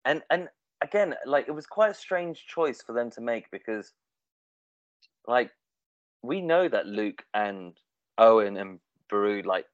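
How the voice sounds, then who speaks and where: A man's voice: mid-range voice, animated, a little slow, pauses often, no room sound. A man talking casually in a discussion, hesitant, with many fillers and restarts. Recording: dull, dry, lo-fi sound.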